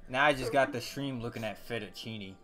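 A man's voice: mid-range voice, brisk, music in the background. Crude joking male streamer. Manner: crude, joking, talks while eating. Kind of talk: casual voice chat while gaming. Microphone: desk microphone. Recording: noisy home stream mic.

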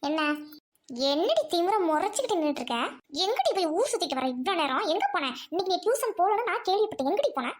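A performer plays a nagging cartoon mother from Tamil Nadu who scolds fast and loud in a very high voice. She talks quickly and harshly. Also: big pitch swings, a little hiss or hum. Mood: scolding. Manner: shouting, nagging, wailing. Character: angry scolding middle-aged mother. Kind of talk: cartoon voice acting.

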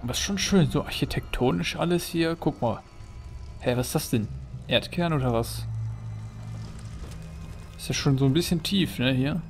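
A man's voice: on the high side, normal speed, vocal fry, pauses often. A chatty man runs casual gameplay commentary as a let's play host, joking and humming nonsense tunes along the way. Faint music plays behind his voice.

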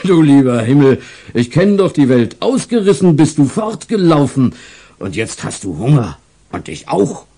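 Man doing a loud, kindly old stall keeper. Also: on the high side, sing-song, moderate pace, voice pushed up, exaggerated voice. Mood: blustery, kindly. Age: older. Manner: loud exclamations, warm gruff kindness. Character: poor old man, market stall owner, kindly, blustery. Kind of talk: storybook character voice.

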